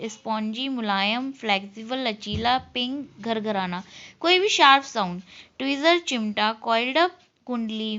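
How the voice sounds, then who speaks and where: A woman teaching a class, explaining each point in Hindi and reading the English lines slowly. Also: sits high, a bit bright, lo-fi sound. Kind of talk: class lesson explaining a textbook unit.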